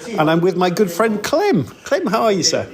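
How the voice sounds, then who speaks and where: Easygoing man on a low-quality recording in a loud crowd. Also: sing-song, normal speed. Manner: easygoing, chatty. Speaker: podcast host. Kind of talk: casual chat. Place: busy gaming shop. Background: loud crowd chatter.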